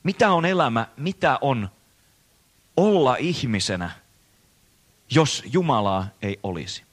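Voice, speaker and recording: A man preaching a sermon in an earnest, measured way, slowing down to stress key phrases. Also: medium pitch, lively intonation.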